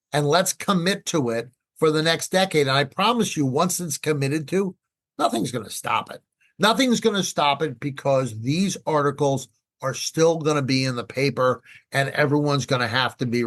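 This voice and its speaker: A man appears as an expert podcast guest, explaining things conversationally in a slightly high, fairly bright voice. He's emphatic, repeats phrases, and poses rhetorical questions.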